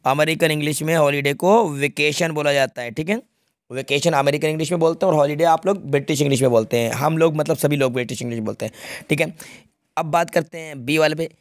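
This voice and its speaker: On the high side and speaking fast, a male teacher goes through an English grammar exam paper step by step, frequently making sure students keep up. The recording is dry and studio quality.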